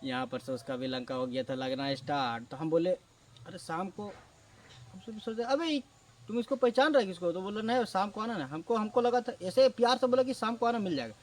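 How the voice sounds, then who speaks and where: A man telling a comic story in a casual, animated way, swinging between loud and hushed. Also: high-pitched, fairly quick. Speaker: storyteller, channel host. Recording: distant mic with faint background noise.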